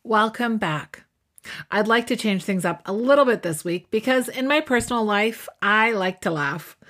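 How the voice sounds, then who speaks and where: A woman's voice: mid-range voice, fairly bright tone. A woman who hosts an inspirational radio show and works as a life coach, talking in an upbeat, conversational way. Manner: upbeat, conversational, reads a joke aloud.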